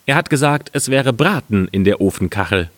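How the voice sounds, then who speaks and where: A man's voice: mid-range voice, lively intonation, brisk, no room sound, natural voice. A man reading a fairy tale aloud, voicing a sly, cunning poor peasant in a slightly raised voice.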